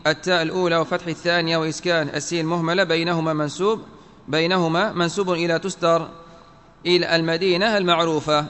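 Man, religious teacher, explains word vowels carefully, fairly high voice, hall echo. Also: pushed and bright. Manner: spells out word vowels carefully, reads quotes then explains. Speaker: Islamic teacher. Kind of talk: religious lesson explaining a text. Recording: long hall reverb.

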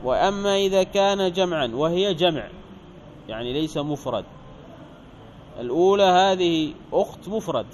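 A male teacher reading a grammar text aloud and explaining it, asking the class questions and slowing down to stress example words. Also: high-pitched, animated, darkish tone, slight background noise.

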